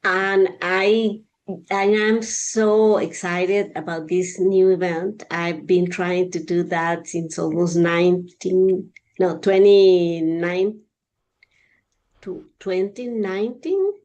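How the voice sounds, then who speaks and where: Lady talking slow and halting on a call, muffled lo-fi sound. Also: on the low side, a little mellow. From Costa Rica. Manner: halting, many uhs. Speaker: call participant.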